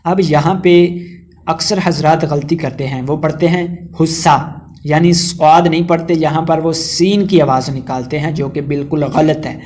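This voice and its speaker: Speaking with a Pakistani Urdu accent, a man teaches Quran recitation step by step. His voice sits on the high side, steady and a little mellow, as he spells out letters and chants verses slowly between quick explanations.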